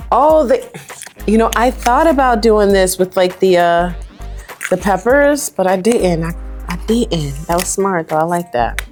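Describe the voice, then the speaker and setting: A woman's voice: mid-range voice, animated, a little slow, a little mellow, soft background music. A woman, chatting descriptively with many fillers as a cooking contestant. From Massachusetts. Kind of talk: casual food-tasting chat.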